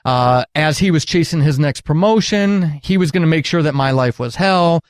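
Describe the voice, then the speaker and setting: The speaker is a middle-aged retired military counselor on a podcast, telling long, earnest stories candidly and with emphasis. His voice is on the high side at a normal speed, recorded in studio quality without echo.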